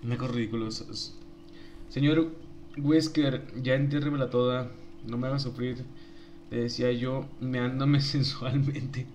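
A man's voice: mid-range voice, steady tone, normal speed, long pauses, a little mellow, slight background noise. A young man with a Mexican accent, a streamer joking and laughing as he reads his chat aloud. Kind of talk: casual live-stream chat.

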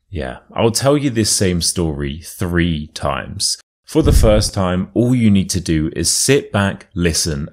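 A man with a modern British RP accent, speaking as an English teacher who narrates scripted lessons and stories with deliberate enunciation for learners. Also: deep voice.

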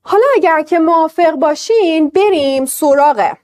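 A woman teaching an online English class, explaining pronunciation to students in a lively way and asking them questions. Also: very high voice.

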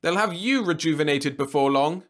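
A man voicing a haughty, sharp-tongued old woman scientist who talks in a scornful, snappish way. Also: sits high, wildly swooping pitch, normal speed, husky, pitched above the performer's own voice, heavily acted. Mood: sarcastic.

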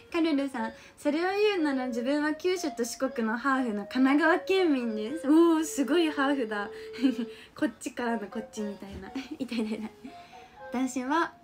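A young woman streamer with a mixed Kansai and Kanto lilt, chatting casually as she reads out viewer comments and giggles often. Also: high voice. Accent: mixed Kansai and Kanto intonation. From Japan. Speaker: streamer reading chat comments. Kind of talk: casual live-stream chat.

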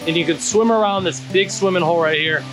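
A man's voice: sits high, fast. A man in his thirties hosting a casual travel vlog outdoors, giving friendly tips while walking with a handheld camera. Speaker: travel guide host. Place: outdoors on tropical trails and roadsides. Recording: music playing behind the voice.

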